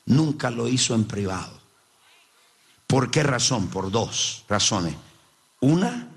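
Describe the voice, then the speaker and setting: A man's voice: medium pitch, breathy edge. A man preaching a sermon, speaking emphatically and addressing the congregation directly. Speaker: pastor.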